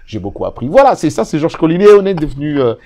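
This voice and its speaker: A man's voice: on the high side, big pitch swings, quick pace, warm tone. A middle-aged man from the Democratic Republic of the Congo, a journalist telling stories as a guest in an interview, with many hesitant fillers and easy laughter. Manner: hesitant fillers, laughs while recounting anecdotes. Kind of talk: casual interview chat, animated storytelling.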